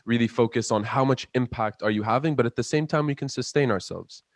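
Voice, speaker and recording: Speaking at a quick pace with a medium-pitched voice, a young Palestinian student entrepreneur in his 20s answers questions as an interview guest. His delivery is earnest and passionate, with frequent repeated words as he builds his case, captured in a dry, studio-quality recording.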